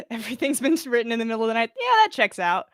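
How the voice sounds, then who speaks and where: Speaking fast on the high side of her range, this woman sounds expressive in a dry recording. She hosts a podcast livestream up close to a mic with a pop filter, chatting, reading fan fiction aloud, giggling, and swearing in an easy, informal way.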